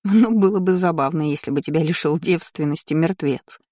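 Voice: mid-range voice, a little fast, a little mellow, no room sound, clean studio sound, close to an everyday voice. A narrator voicing a curious, eager young noblewoman who gossips playfully with her friend. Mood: placating. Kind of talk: audiobook character voice.

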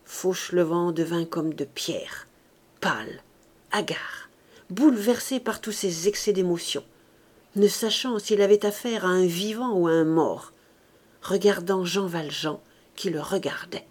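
A woman narrating a classic novel for an audiobook. Her delivery is measured and calm, in steady storytelling. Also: lowish voice. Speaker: audiobook reader.

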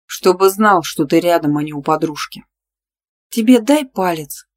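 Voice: mid-range voice, lively intonation, normal speed, lightly acted. A narrator voicing a sassy, cheeky young female student in an audiobook, bantering and indignant. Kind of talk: audiobook dialogue reading.

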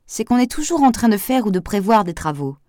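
A woman's voice: mid-range voice, very animated, a little fast, dark tone, no echo, studio quality, voice pushed up, natural voice. A woman reading aloud, giving voice to a grumbling older man who complains about old houses. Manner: gloomy, complaining.

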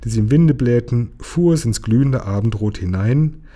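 A man reading a children's book aloud to children, relaxed, now and then breaking off for a casual aside. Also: medium pitch, normal speed.

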